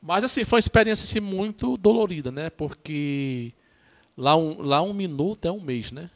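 A talkative priest from Ceará in northeastern Brazil, with that region's accent, tells stories in a casual podcast interview. His male voice sits fairly high and sounds expressive, though his delivery is halting and repetitive, full of restarts and frequent "né?" tags.

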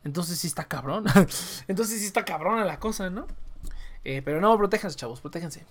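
Speaking with a Mexican accent, a woman live streams and chats casually with her viewers, rambling, slangy and profane. Her pitch is fairly low, her intonation lively, and she talks fairly quickly.

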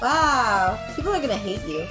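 A woman's voice: fairly high pitch, very animated, moderate pace. A woman co-hosting a podcast in casual banter, playfully contrary and a little whiny, slightly under the weather. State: mildly sick. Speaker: podcast co-host. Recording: music playing behind the voice.

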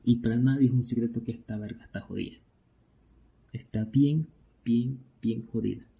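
A Venezuelan man hosts a casual solo podcast, talking conversationally and often asking questions that he then answers himself. His mid-range voice is steady, warm, and husky with vocal fry, and he speaks at a moderate pace.

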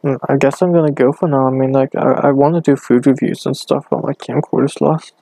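A young man rambling hesitantly on his own podcast, talking low in his bedroom with a hand cupped over the mic. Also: steady tone, a little fast, gravelly, dark tone, no echo. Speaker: podcast host. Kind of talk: casual solo podcast. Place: bedroom at home.

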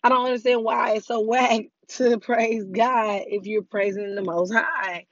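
A woman's voice: fairly high pitch, fairly even intonation, unhurried, no echo, muffled recording. A woman vlogger, talking casually and frankly with plenty of profanity while her voice is still recovering. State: recovering from voice loss. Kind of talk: casual opinion vlog.

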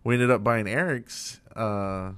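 A man's voice: fairly low pitch, a little slow, fairly bright tone, clean tone, no echo. A man and father of young kids, co-hosting a casual podcast chat and telling rambling, joking stories. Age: adult father of young kids. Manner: jokey, rambling storyteller. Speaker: podcast co-host.

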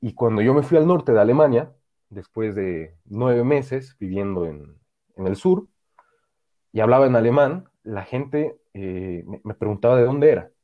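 A man's voice: medium pitch, lively intonation, a little slow. A man from Bolivia chatting as a podcast co-host, earnest and reflective, often restarting his sentences. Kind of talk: casual chat. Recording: dull lo-fi sound.

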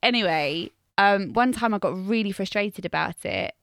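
A Welsh woman in her thirties, a teacher who co-hosts a podcast, chats casually and tells self-mocking stories, laughing often. Her medium-pitched voice is animated and fairly bright, at a moderate pace. There's no room sound.

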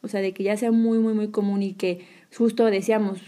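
Mexican woman telling a story, lively. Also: mid-range voice, brisk. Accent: Mexican Spanish. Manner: animated, acts out her own reactions. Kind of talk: casual chat, storytelling.

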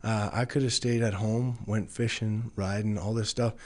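A man's voice: lowish voice, steady tone, normal speed, darkish tone. A man with a hillbilly drawl, telling stories and testimony in a folksy cowboy-preacher way as a podcast guest. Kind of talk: testimony storytelling in conversation.

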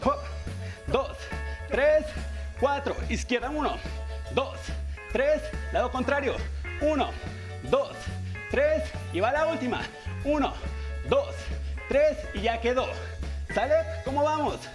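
High-voiced Mexican aerobics instructor counting beats. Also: male voice, lively intonation, slow, long pauses. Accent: Mexican Spanish. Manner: counts beats and cheers viewers on. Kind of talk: leading a televised dance workout. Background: workout music.

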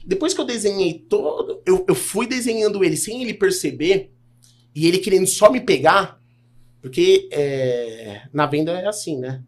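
A man's voice: high voice, moderate pace. A man in his thirties, a health insurance broker and podcast guest, telling a sales story in casual chat and acting out the dialogue. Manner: animated, acts out dialogue while telling a story.

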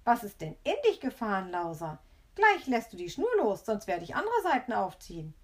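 A woman's voice: medium pitch, very animated, normal speed, close to an everyday voice. A woman voicing an indignant, scolding grandmother in a children's story. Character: scolding grandmother, flustered but loving.

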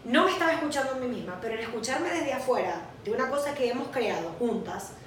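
Una mujer de unos veinte años con acento venezolano, copresentadora de un pódcast, que cuenta sus vivencias con franqueza y anima sus relatos imitando voces. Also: female voice, a little high, quick pace, heavy reverb, distant mic, a little hiss or hum. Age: 20s. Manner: candid, animated storytelling with acted quotes. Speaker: podcast co-host. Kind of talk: casual chat.

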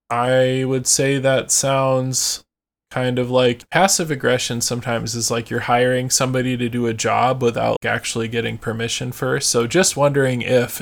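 Man, podcast host, casual chat, gravelly fry in the voice, medium pitch, loose and filler-heavy. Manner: reads out phrases, then explains them with many fillers.

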